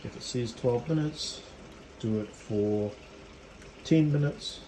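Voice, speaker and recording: Male home cook, New Zealand accent, informal and unscripted, mid-pitched, clear kitchen noise behind him. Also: takes it slowly. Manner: informal, hesitant, thinking aloud while working. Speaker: home cook presenting a cooking video. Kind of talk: casual cooking demonstration.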